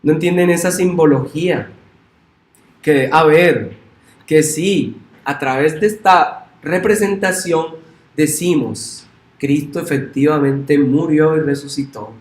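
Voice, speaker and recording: Emphatic preaching man in a roomy church. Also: takes it slowly. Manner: emphatic preaching that jumps to loud, high exclamations. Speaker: pastor. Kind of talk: sermon. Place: church sanctuary.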